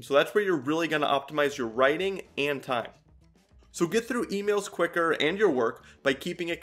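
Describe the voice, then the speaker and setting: A man's voice: fairly high pitch, fairly bright tone. A man in his thirties, a video creator giving a scripted sponsor read.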